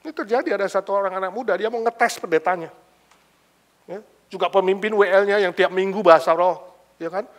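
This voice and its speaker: A man's voice: high-pitched, brisk. A man from Indonesia preaching a sermon as a pastor, telling stories and acting out the characters with bits of English and casual slang. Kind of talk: sermon with anecdotal storytelling.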